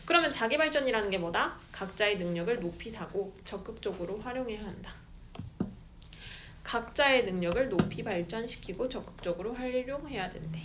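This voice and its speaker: A young woman teacher giving a lively, chatty classroom lecture and acting out little scenes with students. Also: medium pitch, brisk. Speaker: Korean literature teacher. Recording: noisy room recording.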